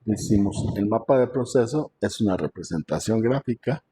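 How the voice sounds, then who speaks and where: A man lecturing an online class as professor, talking in a conversational way with many fillers and frequent throat clearing, over a video call. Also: fairly low pitch, expressive, normal speed, warm tone, slight background noise.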